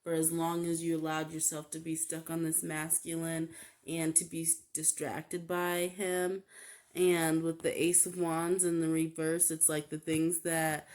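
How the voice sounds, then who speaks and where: A woman reads tarot cards in a relaxed, unscripted way, stopping and restarting with little fillers. Her voice sits a bit low and stays flat, moving at an unhurried pace. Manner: halting, full of "like" and "um" fillers. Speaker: tarot reader. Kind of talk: casual tarot card reading.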